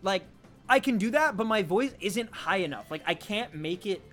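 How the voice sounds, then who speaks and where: Man, streamer, casual chat, fairly high voice, lively pitch. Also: normal speed, soft background music. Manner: animated, chatty, reads chat aloud.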